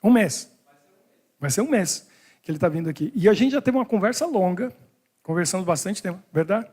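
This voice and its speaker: Speaking animated and fairly quickly, a pastor in a Brussels church hall preaches conversationally, addressing the congregation directly. His high voice is a little mellow, with a breathy edge.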